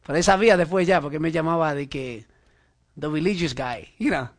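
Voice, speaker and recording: A man's voice: on the high side, fast talker, gravelly. A man preaching a conversational sermon, often asking his listeners if they follow and adding amen. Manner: frequent "¿verdad?" and "amén" asides, addresses listener directly.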